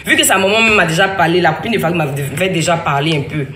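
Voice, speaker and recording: A woman's voice: lowish voice, fast, a bit bright. A woman, telling a family story in a rambling, emphatic way, acting out other people's lines. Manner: rambling, emphatic, with frequent restarts and quoted dialogue. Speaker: mother telling her story. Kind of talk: casual spoken testimony. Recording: echoey room with faint ambient noise.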